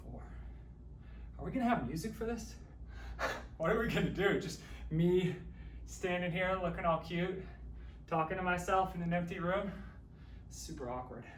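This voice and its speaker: A man with a fairly high voice coaches a workout, joking and counting reps as he moves, a little out of breath. He sounds set back from the mic in an echoey, empty room with a faint hum of ambience. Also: fairly bright tone, distant mic. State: a little out of breath while exercising. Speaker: fitness instructor. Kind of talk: guided workout instruction.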